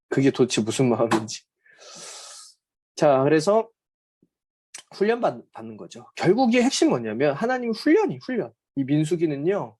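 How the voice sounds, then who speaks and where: A man gives a Bible overview lecture in a relaxed, conversational tone, pausing often on hesitant fillers. His pitch moves about in a lively way, and his voice is mellow and warm. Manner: conversational, often acts out quoted speech. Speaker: Bible teacher.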